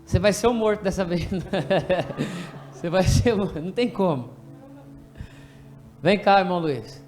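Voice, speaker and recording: A man with a Brazilian Portuguese accent preaching an animated, jokey sermon in a church, directing people from the pulpit to act out a story. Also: high voice, measured pace, faint music behind. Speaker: pastor. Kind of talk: lively sermon with congregation re-enactment.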